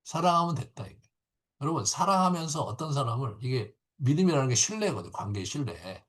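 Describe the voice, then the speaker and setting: Pastor guy teaching bible class on a video call, animated, acts out the quotes, keeps asking "right?". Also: medium pitch, a little fast. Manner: animated, acts out quotes, frequent tag questions. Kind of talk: lively Bible lecture.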